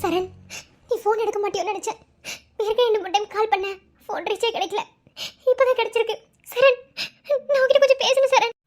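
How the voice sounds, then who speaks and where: In cartoon voice acting, a performer plays a distraught, guilt-ridden young mother sobbing and pleading on the phone, repeating his name. The voice is very high with fairly even intonation, fast, with frequent pauses.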